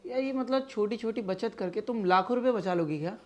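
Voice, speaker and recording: A man's voice: sits high, a little fast, darkish tone, lightly acted. A man playing an exasperated young husband. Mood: protesting. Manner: protesting, exasperated. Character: young office-going husband, easygoing. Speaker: husband in a family skit. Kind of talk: scripted family skit.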